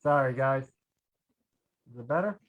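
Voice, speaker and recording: A man in a casual sports chat, his voice muffled and quiet as if heard through a wall. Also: mid-range voice, animated, unhurried, slight background noise. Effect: muffled, quiet mic, as if heard through a wall. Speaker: sports podcast panelist. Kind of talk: casual group chat making game picks.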